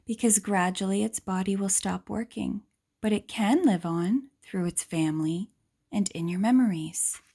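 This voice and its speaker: Reading a picture book to children, a woman speaks at a moderate pace in a husky, mid-range voice. She explains things gently, pausing to pose questions and slip in asides meant for young ears.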